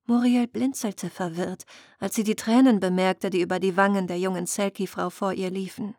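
A woman narrating a fantasy story in a measured, expressive reading. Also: medium pitch, dry recording, studio quality. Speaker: audiobook narrator.

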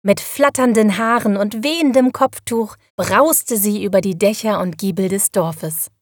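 A woman narrating a children's story in a calm, measured storytelling manner. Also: medium pitch, no room sound, clean studio sound.

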